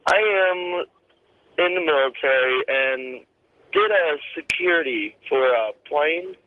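A man calling into a radio show over a phone line, telling of something he saw, in a halting way with many restarts. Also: on the high side, dry recording. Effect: phone-line caller on a radio show. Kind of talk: telling a personal sighting on a call-in show.

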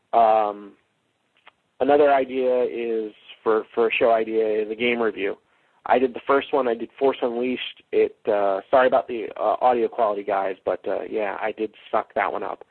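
Male podcast host, slightly rough unclear tone, thinks aloud loosely, cheap dull-sounding microphone. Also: mid-range voice. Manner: rambling, halting, thinking aloud. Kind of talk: casual unscripted podcast discussion.

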